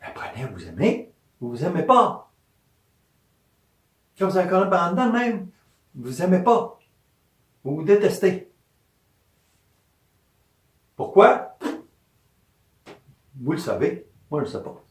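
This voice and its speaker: A man's voice: sits high, unhurried, pauses often. A man with a Quebec French accent, a massage therapist giving an informal health talk, repeating his points and asking and answering his own questions. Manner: animated, repeats points, asks and answers himself. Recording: echoey room, mic at a distance.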